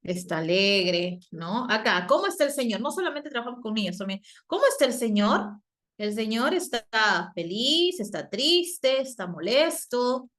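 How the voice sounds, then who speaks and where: A Peruvian psychologist giving a virtual class on a video call, often asking the class questions and using many fillers and tag questions. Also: female voice, a little high, sing-song, moderate pace, a bit bright. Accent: Peruvian Spanish. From Peru. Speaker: psychologist and teacher.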